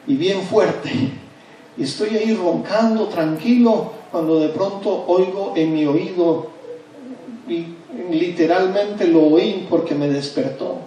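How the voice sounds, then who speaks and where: A man's voice: high voice, warm tone, recorded from a distance. A man preaching a sermon as pastor, emphatic and repetitive, drawing out his key words. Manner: emphatic and repetitive, with drawn-out stresses. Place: church sanctuary. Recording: echoey church hall from afar, faint noise.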